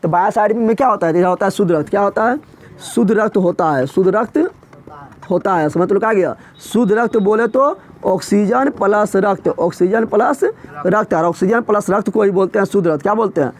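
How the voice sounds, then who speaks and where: A man teaches a class in a high, light voice. He explains in a colloquial, emphatic way and keeps firing short quiz questions back at his students. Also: a little fast. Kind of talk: classroom lecture.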